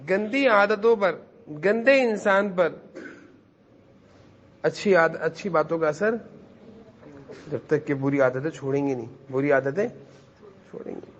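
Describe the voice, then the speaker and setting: A man's voice: high voice, dull audio, a little hiss or hum. A man teaching a class of children in a madrasa, who repeats his points and keeps quizzing the kids to answer. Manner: repetitive, questions the children and urges them to answer.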